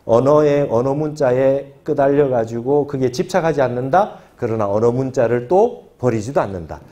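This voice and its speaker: A man's voice: mid-range voice, moderate pace, warm tone. A male Buddhist monk teaching a scripture class, explaining patiently and often asking his students for agreement. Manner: explanatory, repeats key phrases and asks the class for agreement.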